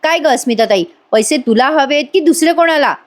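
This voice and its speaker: A woman's voice: high-pitched, lively intonation, a little fast, voice pushed up. A woman voicing a teasing young husband who jokes with mock alarm in a TV serial recap. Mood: sarcastic. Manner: joking, mock-alarmed exclamations.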